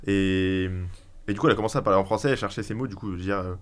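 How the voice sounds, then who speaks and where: A man's voice: low voice, very fast, background noise. A man with a French accent, co-hosting a casual podcast chat, matter-of-fact with short agreeing replies. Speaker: podcast co-host. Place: podcast studio.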